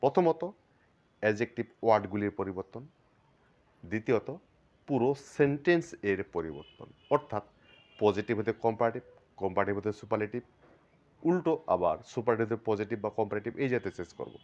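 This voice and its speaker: A man with a Bangladeshi accent teaching an English grammar lesson, explaining step by step, repeating terms and drawing words out slowly to show their syllables. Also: fairly low pitch, muffled recording.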